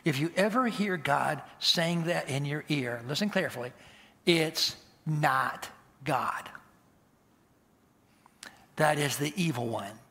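A man who is a pastor, preaching a sermon with emphatic stresses and quiet asides. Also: on the high side, takes it slowly, pauses often.

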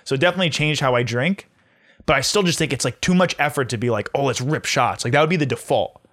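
A man in his twenties co-hosting a podcast, chatting casually and telling animated stories, swearing freely. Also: medium pitch, quick pace. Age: 20s. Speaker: podcast co-host. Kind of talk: casual chat.

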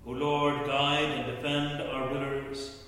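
A man leading a church service, reciting the creed and prayers in a steady, measured way, his voice ringing in a cathedral echo. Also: medium pitch. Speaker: service leader. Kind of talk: liturgical recitation. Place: large church. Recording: echoey church from far off.

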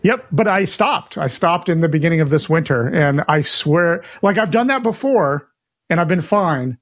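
A man's voice: a little high, animated, moderate pace, a bit bright, dry recording, studio quality. A man co-hosting a retro gaming podcast, chatting in an upbeat way with frequent restarts. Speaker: podcast co-host. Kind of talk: casual chat.

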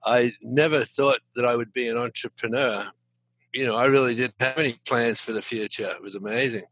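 A man, a company founder answering interview questions in a relaxed, reflective way over poor audio. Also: mid-range voice, a little fast, no room sound. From Australia. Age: 70s. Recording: dry, poor-quality audio.

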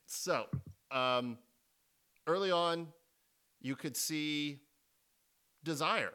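A man's voice: fairly high pitch, very slow, bright, forceful tone, clean tone. A man co-hosting a podcast, chatting casually and animatedly about sports, swearing freely and restarting sentences often. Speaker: podcast co-host.

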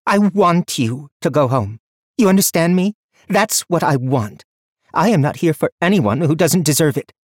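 A man's voice: on the high side, fairly even intonation, brisk, hardly any pauses, darkish tone, no room sound, clean studio sound, voice pushed up, natural voice. A man voicing a young woman overlord who questions prisoners with grave, barely hidden anger. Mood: furious.

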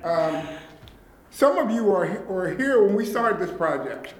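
A man heading a nonprofit talks to county officials at a public meeting, earnest and thankful, frequently checking that his audience is with him. His high voice is very animated but unhurried, and the meeting room sounds echoey.

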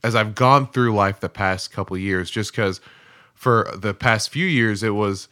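A man's voice: fairly low pitch, a little slow, pushed and bright. A man in his thirties co-hosting a podcast, talking candidly and rambling, swearing and laughing often. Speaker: podcast co-host. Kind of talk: casual chat.

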